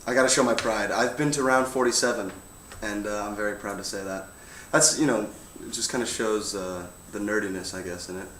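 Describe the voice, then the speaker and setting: Young man, casual livestream chat, relaxed, trailing off, far from mic, roomy echo, faint hum. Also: lowish voice, brisk. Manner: relaxed, laughs often, trails off softly. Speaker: band member answering fan questions.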